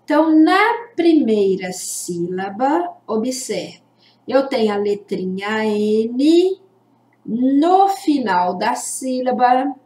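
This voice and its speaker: Lady teacher, super slow and careful, stretches out syllables for little kids, somewhat high voice. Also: animated, darkish tone, a little hiss or hum. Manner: slow, deliberate, stretches out syllables for young learners. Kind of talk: children's literacy lesson. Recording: echoey room.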